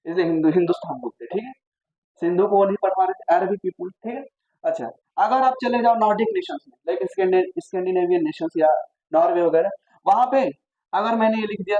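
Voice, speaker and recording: A man teaching physics to a class in a relaxed, mellow voice, firing questions at his students and drifting into jokes between points. The recording sounds slightly dull and muffled. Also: high-pitched. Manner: chatty, asks the class questions, jokes and digresses. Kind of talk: classroom lecture.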